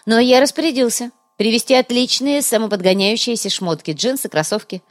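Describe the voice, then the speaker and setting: A woman's voice: on the high side, a little fast, voice pushed up, lightly acted. Woman reading a male trader, sly, greedy, wheedling, raised voice, storybook. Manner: ingratiating and chatty.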